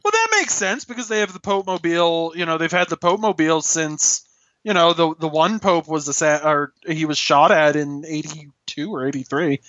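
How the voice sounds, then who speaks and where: Male co-host, casual banter, high pitch, bright edgy tone, repeats words for emphasis. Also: expressive, fairly quick, highs cut off. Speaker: podcast co-host.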